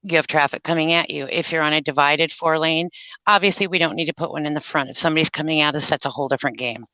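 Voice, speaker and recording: A woman's voice: deep voice, fairly even intonation, fast, bright, forceful tone, no echo, muffled recording. A middle-aged woman with an Upper Midwest American accent, giving casual advice in a folksy, plain-spoken, emphatic way. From Minnesota, United States. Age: middle-aged or older. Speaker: trucker giving safety tips, guest.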